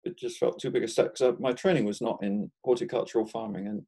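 A man in his sixties from England speaks as an interview guest in an easy, conversational way. His voice is mellow and warm at a middle pitch. He laughs softly between thoughts and often restarts his sentences. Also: lively intonation, fast talker, gravelly. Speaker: guest market gardener.

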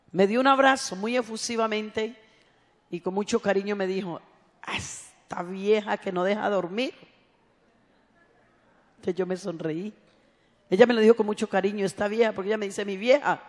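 A woman preacher giving a sermon, telling stories warmly and breaking into loud, fervent exhortations. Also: mid-range voice, big-room sound. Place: church sanctuary.

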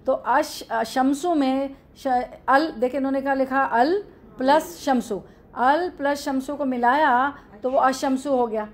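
A woman with an Urdu accent teaches a classroom grammar lesson in a slightly raised pitch. She moves step by step through the material. She often asks a question and then answers it herself. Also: a little slow.

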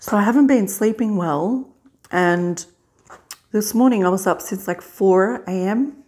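A middle-aged woman in a casual mukbang vlog, chewing while talking in a halting, unhurried way with pauses to eat. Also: medium pitch, darkish tone. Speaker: vlogger. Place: small indoor hospital room.

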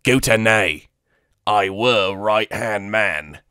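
A man's voice: on the low side, pushed and bright, smooth, no room sound, clean studio sound. A man putting on a shaky pleading alien informant. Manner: broken halting speech, shaky and urgent.

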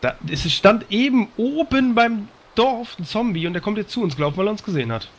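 Playful man with a lively voice. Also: high-pitched, a little fast. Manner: playful, teasing. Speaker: co-player. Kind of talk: casual gaming chat.

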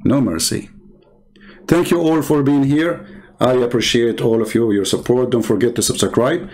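A man's voice: medium pitch, moderate pace, a little mellow. A man hosting a channel and giving polemical commentary in non-native English, mocking and sarcastic, trading insults. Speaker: channel host and religious debater.

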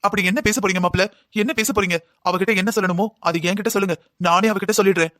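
A man's voice: high-pitched, fairly even intonation, rapid-fire, a bit bright, no room sound, studio quality. A man voicing a stern, grieving father in a cartoon drama who reproaches his son-in-law. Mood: reproachful. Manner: reproachful, accusing.

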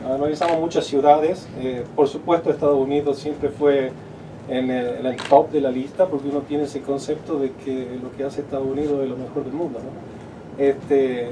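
Under a tent at an outdoor groundbreaking ceremony, a middle-aged company executive with an Argentine Spanish accent gives an unscripted thank-you speech in a flat, medium-pitched voice, halting with many fillers and restarts. He uses a handheld mic at a podium, heard through noisy, distant camera audio filmed from afar.

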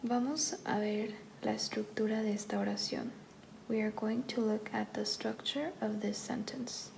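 A woman teaching an English grammar lesson, saying each sentence first in Spanish and then in English, in a soft-spoken, careful way. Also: medium pitch, fairly even intonation, measured pace, vocal fry, slight background noise, poor audio.

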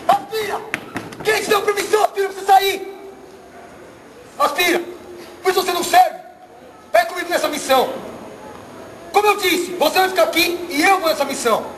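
An actor on a church stage playing a stern military commander who drills and mocks a cadet, barking orders. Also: male voice, extremely high pitch, normal speed, long pauses, a bit bright. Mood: scolding. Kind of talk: live church stage comedy acting. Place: church theater stage with live audience. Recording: echoey hall, audience noise.

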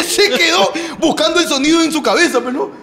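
Rowdy high-voiced Peruvian man. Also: heavy background noise. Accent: Peruvian Spanish. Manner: rowdy, slangy, laughing often. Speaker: podcast co-host. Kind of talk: comic storytelling.

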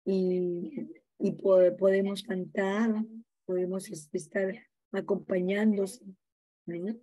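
A middle-aged woman teacher gives an informal class talk. She keeps checking in with her students and fills pauses with small words. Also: mid-range voice, level tone, mellow. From Peru. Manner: chatty, checks in with frequent "no?" tags and fillers. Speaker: college teacher.

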